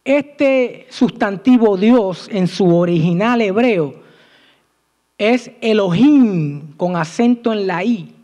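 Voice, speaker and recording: Slow, high-voiced man preaching. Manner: asks the congregation questions and answers them himself; slow, emphatic delivery with sudden rises and drops in pitch and loudness. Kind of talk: sermon.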